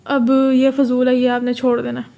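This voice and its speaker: A woman from Pakistan, tutoring for an exam, explaining slowly, repeating key terms and reading English definitions aloud. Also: high-pitched, completely flat delivery, vocal fry, dark tone. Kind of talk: exam-prep lecture.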